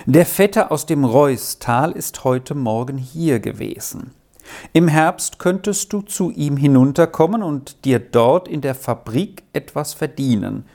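A reader voicing a gentle, earnest old grandmother who speaks softly and admonishes slowly in a storybook reading. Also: medium pitch, animated. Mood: gentle, admonishing. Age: over 60. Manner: soft, admonishing, slow and thoughtful.

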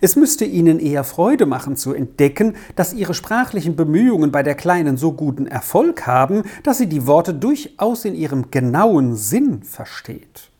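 A flustered father, alarmed by every tear, as a woman reader puts him on, speaking in an agitated, exasperated rush. The reading keeps a mellow tone and lively, animated pitch in a storybook manner. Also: normal speed, hardly any pauses, breathy edge, full character voice. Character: flustered middle-aged father, easily alarmed.

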